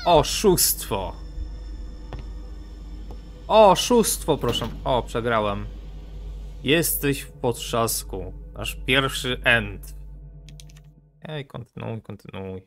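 A man hosting a let's play, excitable and joking, swearing often as he commentates casually. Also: medium pitch, slow pace, pauses often, faint music behind. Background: game audio.

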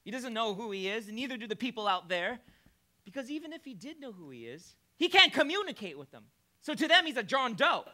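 A man's voice: very high voice, big pitch swings, fairly quick, pushed and bright, full character voice. A man playing a blunt, skeptical cop. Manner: blunt, questioning. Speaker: police officer figure. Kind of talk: stage musical acting.

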